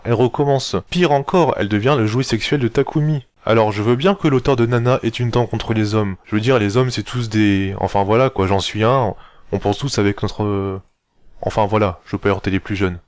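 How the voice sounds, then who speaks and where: Blunt young man, low dry voice. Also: no echo. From France. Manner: blunt, crude, heated. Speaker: manga reviewer. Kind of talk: casual video review.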